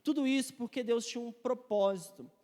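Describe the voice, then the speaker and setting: A woman's voice: fairly high pitch, a little fast, mellow. Woman teaching Bible study in a hall. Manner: explanatory, often adds "né" tag questions. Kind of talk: church Bible study lecture with slides.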